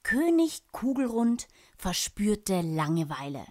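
A woman reading a children's storybook aloud, calm and clear. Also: medium pitch, slow.

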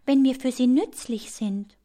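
A woman's voice: sits high, a little slow, warm tone, pitched above the performer's own voice. Storybook butterfly, self-admiring and showy, light raised voice, as a woman puts it on. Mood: protesting.

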